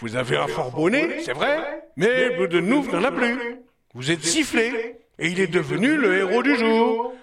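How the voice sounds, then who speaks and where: An actor playing a wise, dryly amused old father in a radio drama, lecturing his son in a measured way. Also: sits high, big pitch swings, a bit bright, echoey room, exaggerated voice.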